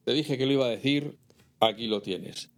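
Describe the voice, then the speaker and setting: A man's voice: mid-range voice, moderate pace, over a noisy crowd. Joking man, podcast co-host. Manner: joking, self-mocking, reads out listener emails. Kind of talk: casual podcast chat.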